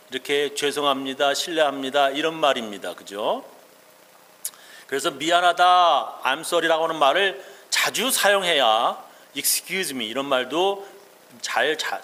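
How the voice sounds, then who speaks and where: A man's voice: fairly high pitch, sharp tone. A male pastor giving a sermon, explaining English phrases and telling personal anecdotes. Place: church sanctuary. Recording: long reverb of a church hall.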